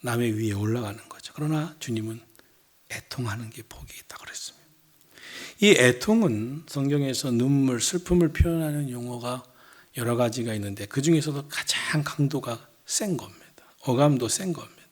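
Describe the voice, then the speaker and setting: A middle-aged man preaching an evening church sermon as senior pastor, earnest, dropping to hushed lines and rising to loud emphatic ones. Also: mid-range voice, expressive, normal speed.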